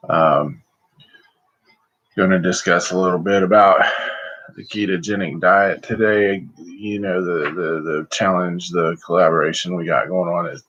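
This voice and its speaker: A middle-aged man chatting casually and folksily on a livestream, rambling along with hesitant pauses. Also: low-pitched, steady tone, a bit bright, breathy edge. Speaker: host of a livestream vlog. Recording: slightly muffled, lo-fi livestream audio.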